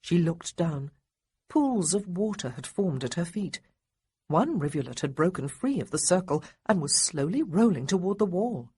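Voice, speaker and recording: Audiobook narrator, woman, breathy and low, animated delivery. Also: normal speed. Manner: expressive storytelling. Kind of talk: scripted narration.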